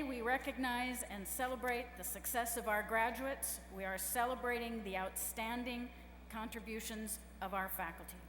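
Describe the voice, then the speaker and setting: Echoey podium speech by a higher-voiced woman. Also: a bit bright. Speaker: university administrator presenting graduates. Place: large hall over a PA system. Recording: echoey hall, humming background noise.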